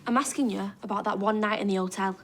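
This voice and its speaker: An actress playing a stubborn young daughter, insistent and probing, in a TV soap. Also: female voice, mid-range voice, fast talker, background noise, lightly acted. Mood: insistent, troubled. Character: stubborn, questioning daughter worried about her mother. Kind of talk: naturalistic TV soap acting.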